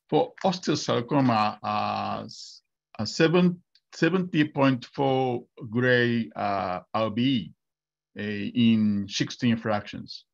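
Hesitant man with gravelly slow speech. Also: mid-range voice, highs cut off. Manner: hesitant, many fillers and restarts. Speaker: invited radiation oncologist answering questions. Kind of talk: webinar Q&A answers.

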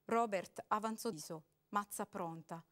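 A woman giving an expressive, dramatic reading of a short story aloud. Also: medium pitch, measured pace. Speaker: reader.

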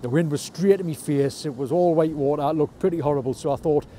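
Fishing off a rocky shore on a wet, windy night, this North East English angler vlogger talks fast in a fairly high, dark-toned voice. His casual narration is chatty and self-mocking, with understated humour, over camera audio carrying a faint wind.

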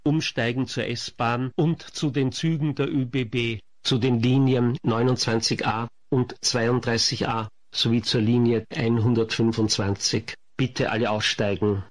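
A man reading formal, measured, scripted subway station announcements. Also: medium pitch, steady tone. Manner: formal, measured listing of stops and transfers.

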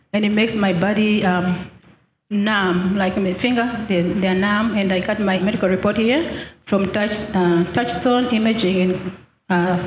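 A woman from Zambia giving a hesitant testimony into a handheld mic, with many fillers. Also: mid-range voice. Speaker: congregant seeking healing. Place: church hall. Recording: echoey hall with crowd noise.

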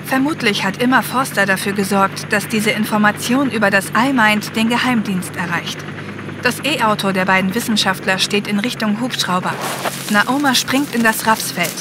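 As narrator of an audio drama, a woman reads scripted story narration in a mid-range voice at a moderate pace. Helicopter and effects noise come through clearly behind her, along with ambience and vehicles.

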